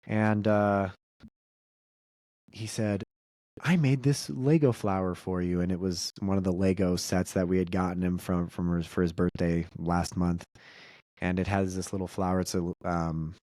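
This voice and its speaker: A man's voice: sits low, monotone, moderate pace, a little mellow, no echo, studio quality. A man co-hosting a podcast with his father, talking casually, rambling with restarts and fillers. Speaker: podcast co-host.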